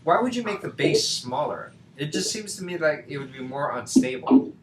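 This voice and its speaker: A man's voice: fairly high pitch, big pitch swings, moderate pace. A man tutoring a student over a video call, talking casually with lots of fillers and rhetorical questions. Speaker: math tutor. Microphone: computer mic on a video call. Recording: echoey room with faint background noise.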